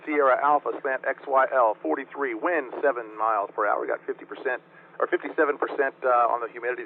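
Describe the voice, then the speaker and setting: A man runs a radio-room check-in net as its control operator. His voice comes through thin and narrow-band with faint noise behind it. He is courteous and procedural, reading out call signs in the phonetic alphabet. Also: medium pitch. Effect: radio transmission.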